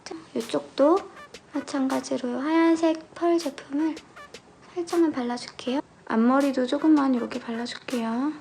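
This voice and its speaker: A woman in her thirties giving a casual, gentle step-by-step makeup tutorial at home. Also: on the high side.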